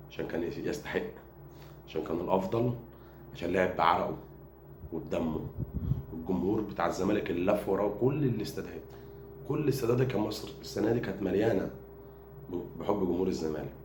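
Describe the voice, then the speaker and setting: A low-voiced man with an Egyptian accent rattles through a rapid, taunting football rant, repeating his lines for effect. His voice bounces around an echoey room, and clear background noise sits under it. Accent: Egyptian Arabic. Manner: taunting, mocking rival fans; rapid, repetitive, animated delivery. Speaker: football fan vlogger. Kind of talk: fan rant to camera.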